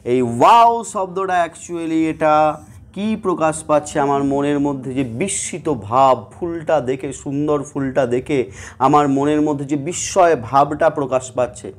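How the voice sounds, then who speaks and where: A man's voice: fairly high pitch, a little slow. A man with a Bengali accent teaching a grammar lesson to students, explaining step by step and often asking them questions. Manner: explanatory, asks students questions, acts out sample sentences.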